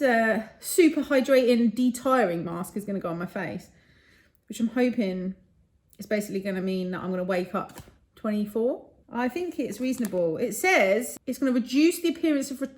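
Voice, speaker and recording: A woman vlogger talks to camera from her hotel room in a chatty, gossipy way, often breaking into laughter. Her voice sits on the higher side and jumps up quickly when she gets worked up. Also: lively intonation. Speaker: vlog host. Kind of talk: casual vlog chat to camera.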